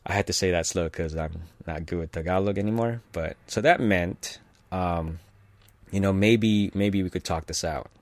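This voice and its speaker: Deep-voiced man rambling through a story. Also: normal speed, dry recording. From California. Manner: rambling, many fillers and restarts, chuckles often. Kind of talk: casual personal anecdote.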